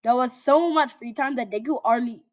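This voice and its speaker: A young woman with a voice on the high side reads fan fiction aloud at a normal speed. She keeps stopping for chatty asides and giggles along the way.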